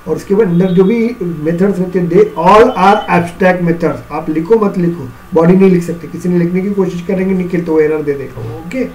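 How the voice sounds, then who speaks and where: A man's voice: high voice, dark tone, a little hiss or hum, low-quality recording. A male teacher giving a classroom programming lecture in a mix of Hindi and English, often checking whether the students understand. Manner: repeats questions to check understanding.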